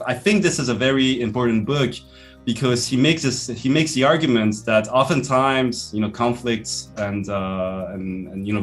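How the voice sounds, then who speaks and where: A man in his thirties from French-speaking Switzerland, with a French accent and a lowish voice, answers interview questions thoughtfully as a guest professor. He speaks over a video call webcam from an office lined with bookshelves, his sentences trailing off softly.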